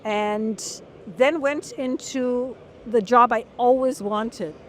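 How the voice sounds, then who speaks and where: Articulate middle-aged woman, higher voice. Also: a little hiss or hum. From Malaysia. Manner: articulate, measured storytelling. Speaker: guest journalist. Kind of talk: long-form interview.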